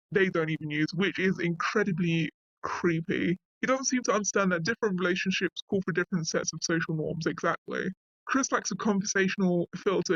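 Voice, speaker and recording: High-voiced man reading with offhand asides. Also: no room sound, lo-fi sound. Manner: reads passages, then breaks off into offhand asides with frequent "like". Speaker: channel host reading a wiki aloud. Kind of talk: casual reading with commentary.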